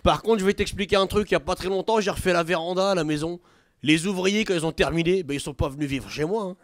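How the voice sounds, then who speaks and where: A young man doing a stand-up comedy set in a club, animated and quick to burst into shouted impressions, with audience laughter behind him. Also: sits high.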